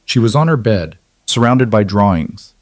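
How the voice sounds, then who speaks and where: Man, low voice, measured audiobook narration, dry close sound. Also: lively intonation, no room sound.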